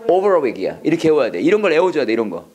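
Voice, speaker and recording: An instructor teaches prayer-English in a classroom, with a voice that leaps up and down across a wide, expressive range. Questions keep coming at the students, who are pushed to repeat each line. Casual explanation alternates with English phrases spoken slowly and deliberately. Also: medium pitch. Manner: lively, coaxing, asks the class questions and has them repeat; switches between Korean explanation and slow English model phrases. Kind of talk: classroom lecture with call-and-response drills.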